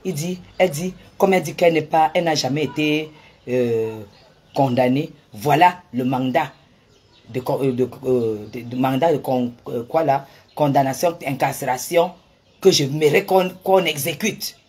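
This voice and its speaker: Woman vlogger, raspy, low-pitched, dramatic storyteller who repeats herself for emphasis. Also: moderate pace, darkish tone. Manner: dramatic, emphatic, many restarts and repetitions. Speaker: vlogger recounting a personal dispute. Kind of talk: animated storytelling to viewers.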